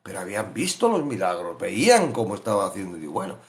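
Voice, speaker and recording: Animated man preaching. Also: deep voice, fast. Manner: animated, rhetorical questions, acts out quoted voices. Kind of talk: sermon-style Bible reflection.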